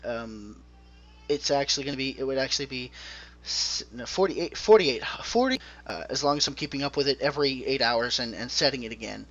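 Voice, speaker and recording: A man's voice: medium pitch, lively intonation, fairly quick, a bit bright. A man hosting a casual gaming podcast over a conference call, chatty and explaining at length. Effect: conference call line. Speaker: podcast host. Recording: dull lo-fi call audio.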